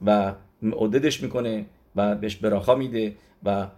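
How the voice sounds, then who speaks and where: A man's voice: lowish voice, steady tone, mellow. A man teaching a religious lesson, retelling stories in a loose conversational way that halts and often restarts words. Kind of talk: storytelling Torah lesson.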